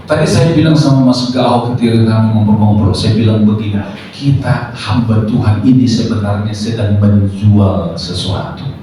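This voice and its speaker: Low-voiced man preaching in an echoey hall. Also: normal speed, recorded from a distance. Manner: swings from quiet storytelling to loud, climbing exhortation. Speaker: pastor preaching to ministers. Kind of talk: sermon. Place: large church hall. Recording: echoey hall mic with background noise.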